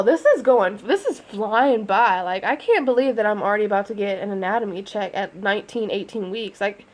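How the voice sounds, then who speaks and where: A woman's voice: mid-range voice, a little mellow. A woman chatting in a rambling way with lots of fillers and asides. She is giving a casual vlog update at home. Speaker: vlogger. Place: at home near a bedroom.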